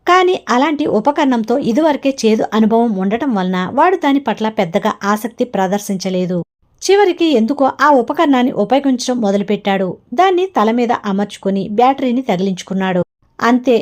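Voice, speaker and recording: A woman narrating a self-help audiobook in a steady, measured reading voice. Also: fairly high pitch.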